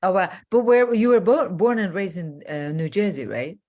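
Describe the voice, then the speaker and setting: An older woman originally from Iran hosting an interview as a coach, talking warmly and effusively, rambling with many fillers. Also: mid-range voice, lively intonation, normal speed. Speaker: host, transformational coach. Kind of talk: casual interview chat.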